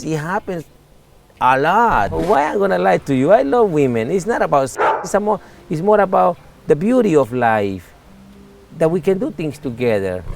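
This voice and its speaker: Candid Salvadoran man in his forties. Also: on the high side. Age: 40s. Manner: earnest, candid, halting non-native English. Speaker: interviewee. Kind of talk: casual interview talk.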